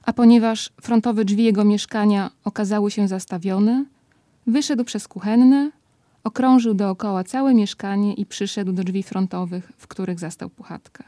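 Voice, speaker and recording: A woman narrating a storybook in a lively, expressive way. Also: mid-range voice, normal speed, no echo. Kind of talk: storybook reading.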